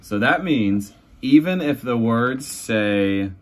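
Children laugh and chatter behind a man in his thirties as he reads them a picture book in a bedroom at home. He speaks slowly and expressively in a mid-range voice, hamming it up with mock reluctance and goofy character voices.

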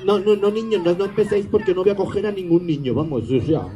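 A man's voice: high voice, fast, warm tone, highs cut off, a faint crowd. A man doing stage comedy, teasing the audience in a sarcastic, mock-grumpy way.

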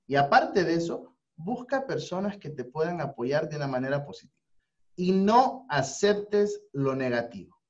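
Man, radio talk host, earnest and exhorting, fairly high animated voice. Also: normal speed. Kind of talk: casual spiritual talk. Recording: dull lo-fi audio.

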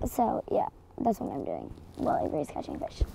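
A woman's voice: deep voice, wildly swooping pitch, a little fast, vocal fry, warm tone, slight background noise. A young woman on a fishing boat outdoors, keeping up a chatty, wry commentary for an action camera. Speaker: vlogger, angler. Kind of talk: casual fishing vlog chat.

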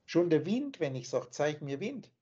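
A man's voice: fairly high pitch, sing-song, normal speed, dark tone, breathy edge. A man teaching in an emphatic, scornful lecturing manner, speaking over a video call. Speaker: spiritual teacher. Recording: dull lo-fi online call audio.

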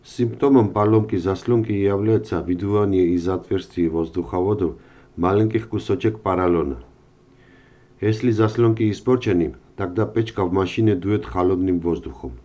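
Male host, low and mellow, plain how-to voice-over for a car repair tutorial. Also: moderate pace.

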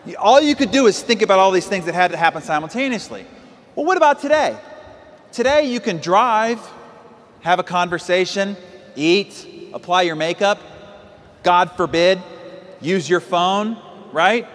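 A man in his forties with a high-pitched voice delivers a motivational speech from a stage. He speaks directly and with energy, throwing rhetorical questions at his listeners. His voice trails off into the long reverb of a large hall. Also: animated, normal speed, fairly bright tone.

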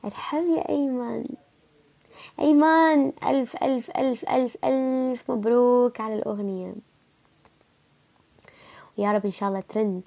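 Speaking briskly in a slightly high, mellow voice with vocal fry, a steady tone, and frequent pauses, this young Iraqi Arabic-accented woman chats with livestream viewers. She's feeling sick as she responds to their comments.

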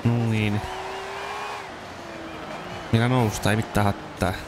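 Man, gameplay commentary, deep, slightly strained voice, yelps at near misses, music in the background. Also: flat delivery. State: dry mouth, strained voice. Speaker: gaming video host.

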